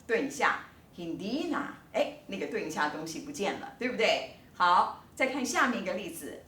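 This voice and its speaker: A woman professor giving a recorded online lecture, explaining in an animated, emphatic way and stretching words for effect. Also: mid-range voice, fairly quick, reverberant, far from the mic, a little hiss or hum. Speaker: linguistics professor.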